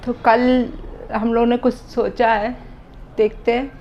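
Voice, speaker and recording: Woman vlogger, 30s, heavy-hearted and slow, higher voice, lo-fi recording with faint noise. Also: flat delivery. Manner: slow, heavy-hearted, voice dropping low at times. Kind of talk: emotional personal vlog talk.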